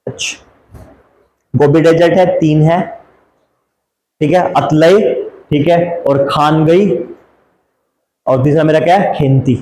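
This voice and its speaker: A man's voice: a little high, fairly even intonation, slow, long pauses, a little mellow, echoey room, poor audio. A man teaching geography from a map, asking rhetorical questions, drawling and repeating place names, and mixing in English phrases. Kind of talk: map lesson for exam students.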